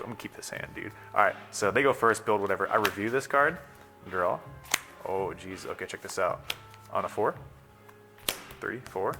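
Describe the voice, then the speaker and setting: A young man casually demoing a card game deck, talking fast and loose with lots of fillers, laughing and swearing. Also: lowish voice. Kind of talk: casual gameplay demo.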